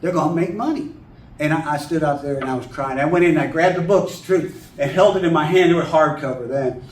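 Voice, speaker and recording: An older man telling stories to a writers' group in a plain-spoken, animated way. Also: a little high, fairly quick, recorded from a distance. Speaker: author and guest speaker. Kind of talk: folksy storytelling talk to a writers' group. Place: meeting room. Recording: echoey room, mic from afar, faint hiss.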